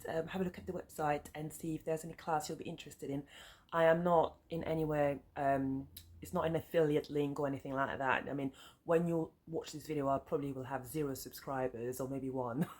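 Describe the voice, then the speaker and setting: A low, slightly mellow voice carries the French-accented English of a woman in her thirties, French being her first language. She's a sewing vlogger rambling in casual chat to camera, easily sidetracked and heavy on fillers like "um" and side notes. Her flat sits beside a busy road, and faint traffic is heard behind.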